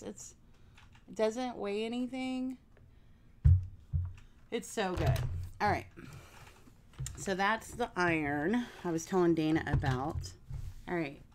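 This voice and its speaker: Speaking into a desk mic from her home craft room, a nasal-voiced woman in her forties runs a casual sewing livestream, her voice on the low side with slight background noise. She chats in a rambling way, addressing her viewers directly.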